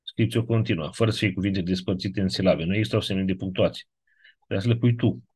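A man's voice: deep voice, darkish tone, husky, no echo. A man giving an online lesson, explaining step by step and often checking in with his listeners. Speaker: teacher of biblical Greek. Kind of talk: online lecture.

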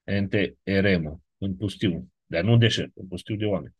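A man's voice: low-pitched, husky, dry recording, muffled recording. A man giving an online lesson, explaining step by step and often checking in with his listeners. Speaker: teacher of biblical Greek. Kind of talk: online lecture.

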